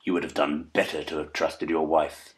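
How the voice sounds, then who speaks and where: An actor playing a calm, commanding gentleman detective in a dramatised audiobook, with a measured, formal, assured manner. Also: extremely low pitch, a little hiss or hum. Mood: calm, advising.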